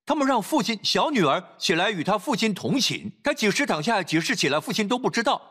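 A male pastor preaching a sermon, reading scripture and exhorting parents, swinging between loud urging and low quiet asides. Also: sing-song, a little fast, slightly rough.

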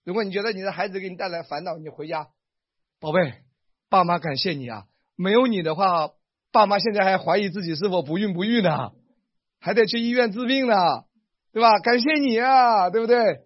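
Male pastor, lively sermon, husky, high-pitched. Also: fairly quick, dry recording, lo-fi sound. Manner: animated preaching, acts out quoted lines.

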